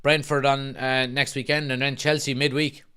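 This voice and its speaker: A young Irish man hosts a live football watch-along stream, chatting casually as he reads viewers' chat messages aloud and answers them. When the match heats up, he breaks into excited bursts of play-by-play. His voice is smooth and medium-pitched, at a moderate pace.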